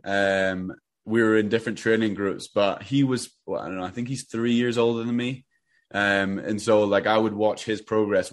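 Deep-voiced young Scottish man. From Scotland. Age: 20s. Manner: relaxed, rambling with many restarts. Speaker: interview guest, runner. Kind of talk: casual interview.

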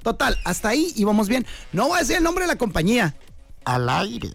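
A man's voice: extremely high pitch, wildly swooping pitch, brisk, vocal fry, fairly bright tone, soft background music. A man with a Mexican accent hosting a radio show, telling a comic story in a joking, playful way. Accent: Mexican Spanish. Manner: playful, jokey storyteller, acts out voices. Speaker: radio host. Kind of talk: comedic radio monologue.

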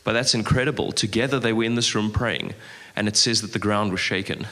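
Bright-voiced man preaching in a reverberant hall. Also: lowish voice, steady tone, brisk. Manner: reads scripture aloud, then explains with repeated words. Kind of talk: church teaching dialogue.

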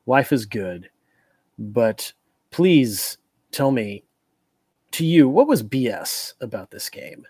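A man's voice: mid-range voice, very animated, slow pace, long pauses, a little mellow, husky, dry recording. A man hosting a casual sports podcast, talking in a loose, tipsy ramble. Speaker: podcast host.

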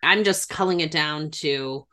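A middle-aged woman, a therapist and grief expert, speaks with a fairly low voice in a reflective interview. Earnest and thinking aloud, she leans on key phrases so they land, her delivery a touch slow, pushed and bright.

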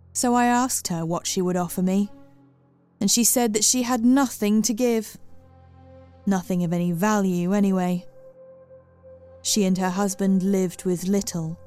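Woman voicing an old storybook hag, crackling and smug, low and dark, faint music bed. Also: close to an everyday voice. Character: wiry old female hag, menacing and smug.

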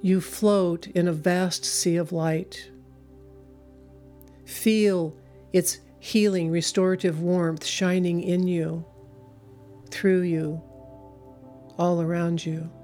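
A woman leading a guided meditation in a slow, soothing, hypnotic way, with long pauses between phrases. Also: on the low side, flat delivery, warm tone, faint music behind. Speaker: spiritual speaker and meditation leader.

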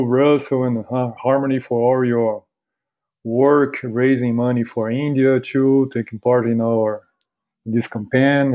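A man with a Carioca Brazilian accent speaks as a podcast guest in a mellow, relaxed voice at a middling pitch. His English is halting and courteous, with words often repeated as he chats. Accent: Carioca Brazilian Portuguese. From Rio de Janeiro, Brazil. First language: Brazilian Portuguese. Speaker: podcast guest, university academic. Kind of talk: casual interview conversation.

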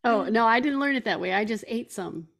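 A woman's voice: on the high side, expressive, fairly quick, gravelly. A woman co-hosting a podcast interview, encouraging and enthusiastic with her guest. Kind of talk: casual interview talk.

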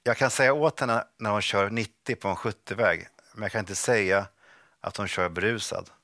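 Guy reading his own book out loud on a video call, low voice, kinda bright, dry sound. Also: dry recording. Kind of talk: reading aloud from a memoir.

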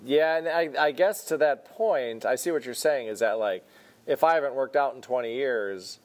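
A man's voice: medium pitch, normal speed, a little mellow. A man in his forties co-hosting a podcast, chatting casually and reading out listener emails. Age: 40s. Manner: easygoing, reads listener emails aloud. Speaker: podcast co-host. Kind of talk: casual chat.

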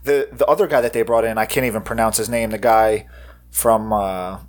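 A man co-hosting a casual sports podcast, reacting with quick hyped comments about games and players. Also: lowish voice, steady tone. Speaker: podcast co-host.

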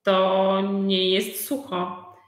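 Woman teacher, very slow, simple repeated questions, echoey room. For a language-class host. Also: mid-range voice, monotone. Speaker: Polish conversation teacher. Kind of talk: live online conversation class.

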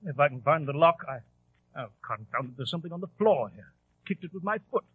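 An actor playing Doctor Watson, an earnest, easily flustered English gentleman with a British accent, in 1940s radio drama style. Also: on the high side, animated, fast, a little hiss or hum, lightly acted. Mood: alarmed. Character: Doctor Watson, excitable, fretful English gentleman and loyal companion. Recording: muffled, narrow-band old radio recording.

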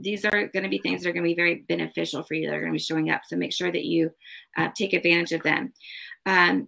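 A woman's voice: lowish voice, gravelly, bright, forceful tone. A woman giving a casual spoken card reading as host, advising in an emphatic, repetitive way. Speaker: tarot card reader and host.

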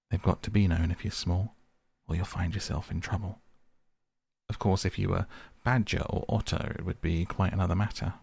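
A man voicing a good-natured, brave water rat who talks calmly and reassuringly. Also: low-pitched, vocal fry, breathy edge, dry recording, full character voice. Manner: calm, reassuring and hearty.

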